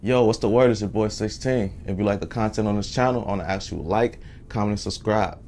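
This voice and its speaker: A man from Chicago hosting his interview show, talking in a relaxed, laid-back way with slang. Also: on the low side, fast. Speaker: interviewer and channel host. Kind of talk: casual interview talk. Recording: echoey room with faint noise.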